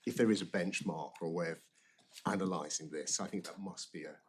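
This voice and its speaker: Male advocate, low gravelly-edged voice, formal courtroom argument delivered haltingly with repeated phrases. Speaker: barrister arguing an appeal.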